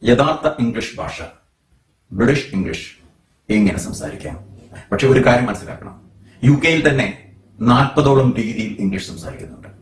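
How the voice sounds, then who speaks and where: A man teaching English pronunciation, a native Malayalam speaker, slowly demonstrating each sound. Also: mid-range voice, lively intonation, distant mic. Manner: slow, deliberate demonstration of sounds. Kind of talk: explanatory lesson. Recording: roomy echo, voice from off the mic.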